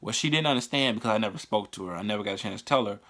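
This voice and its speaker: A man's voice: on the low side, fairly bright tone. A man casually telling a personal story on a vlog, swearing often and stumbling over restarts. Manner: profane, halting, with frequent restarts. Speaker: vlogger.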